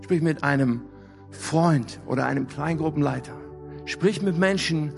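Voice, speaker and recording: A man's voice: fairly high pitch, unhurried, vocal fry, soft background music. A man preaching a sermon, emphatic, repeating key phrases and asking rhetorical questions. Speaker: pastor.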